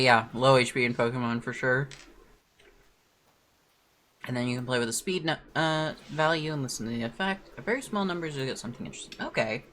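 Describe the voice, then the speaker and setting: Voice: medium pitch, bright, forceful tone. A streamer chatting casually while working, rambling and distracted, swearing now and then, talking with food in the mouth. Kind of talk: casual livestream chat.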